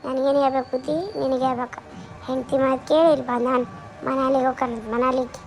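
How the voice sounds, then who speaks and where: A woman's voice: sits high, little pitch movement, quick pace, a little mellow, soft background music. A woman playing a worried middle-aged mother in a comedy skit, with a North Karnataka Kannada accent, lecturing and nagging. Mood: scolding. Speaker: skit actor.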